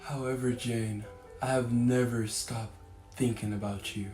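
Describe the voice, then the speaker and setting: A lovesick gentleman suitor, acted by a man in a comedy skit, pleading and declaiming earnestly. He speaks slowly in an echoey room with music underneath. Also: mid-range voice, steady tone, natural voice. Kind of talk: amateur comedy skit acting.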